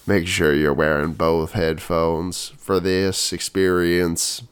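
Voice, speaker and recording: A woman putting on a deep, sultry late-night radio DJ. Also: flat delivery, clear, resonant tone, no room sound. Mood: mock seductive. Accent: slight Southern US. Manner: slow, low, mock-seductive ASMR delivery.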